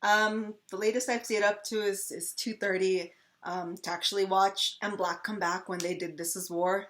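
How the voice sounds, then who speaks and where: A woman co-hosts a relaxed fan Q&A, telling long stories that wander along with plenty of fillers and restarts. Her voice sits at an ordinary middle pitch. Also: moderate pace. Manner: rambling storyteller, many fillers and restarts. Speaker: channel co-host. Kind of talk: casual fan Q&A chat.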